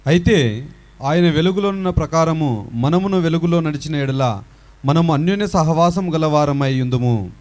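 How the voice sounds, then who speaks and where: Man, scripture reading, somewhat high voice, steady recitation. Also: moderate pace.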